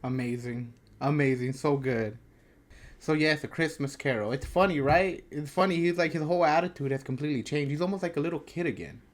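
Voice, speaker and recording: A man's voice: a little high, a little fast. A man hosting a reaction video, talking casually and peppering his speech with "like". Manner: chatty, many "like" fillers. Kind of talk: casual chat.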